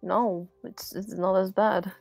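A woman's voice: medium pitch, fairly even intonation, slow, creaky, dry recording, faint music behind. A woman playing a tabletop role-playing game over voice chat, casual and laid-back. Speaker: player.

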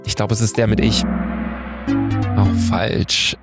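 This young adult, who has a cold, keeps up his casual gaming commentary on a meme quiz, reading every answer aloud and swearing lightly at each miss. His voice is lowish and the pace slow, captured by a studio mic close to his face at an indoor desk, with music clearly audible underneath.

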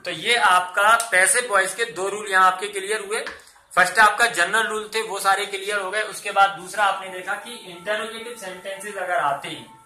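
A man with a high, very bright voice teaches a grammar lesson and walks through each step by asking and answering his own questions. The room around him is echoey. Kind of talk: Hindi-English classroom lesson.

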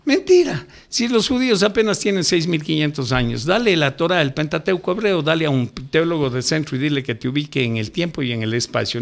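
A man's voice: a little high, gravelly, fairly bright tone. Emphatic older man lecturing on air. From Ecuador. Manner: emphatic, lecturing, sudden rises for stress. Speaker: ufologist guest. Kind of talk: radio interview, impassioned explaining.

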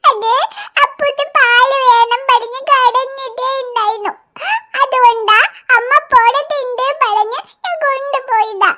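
A bright tiny cartoon girl. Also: fairly even intonation, a little slow, heavily acted. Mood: worried. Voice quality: high childlike voice. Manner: earnest, soothing toward her baby brother. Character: little girl, caring older sister. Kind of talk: cartoon voice acting.

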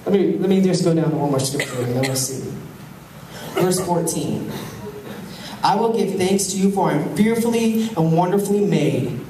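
A young man preaching a sermon on a handheld mic, animated, swinging from loud to hushed. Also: high voice, moderate pace. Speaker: pastor. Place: large church hall with stage. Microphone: handheld mic, filmed from the pews. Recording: echoey hall, far camera, faint hum.

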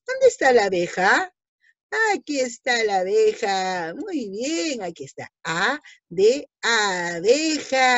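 A hoarse woman teaching young children in an online lesson, drawing out her words slowly and playfully. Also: fairly high pitch, no room sound. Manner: slow, sing-song, drawn-out words for small children. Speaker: preschool teacher. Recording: dull, lo-fi home video audio.

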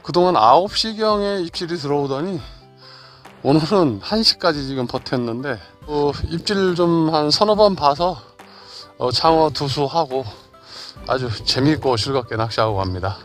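A middle-aged man hosting a fishing channel, talking to himself with excited exclamations as he fishes outdoors at night by a muddy waterway. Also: fairly high pitch, normal speed, faint music behind. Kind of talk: fishing vlog commentary.

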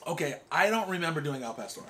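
A man's voice: on the high side, animated, quick pace, a bit bright, slight background noise. A man co-hosting an eating show, talking in an easygoing, jokey way and laughing at himself. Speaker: co-host of an eating channel. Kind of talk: casual mukbang chat. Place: home.

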